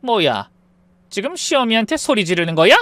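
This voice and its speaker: Brief: woman doing bossy older mother-in-law, sneering, animated pitch, dry storybook read. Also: moderate pace, dry recording. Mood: scornful. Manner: scolding, contemptuous. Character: domineering older mother-in-law, scornful and shrill.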